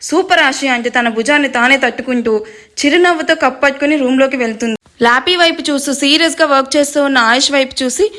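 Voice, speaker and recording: A woman storyteller narrating a romance story in a steady, expressive reading voice. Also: high voice, fast.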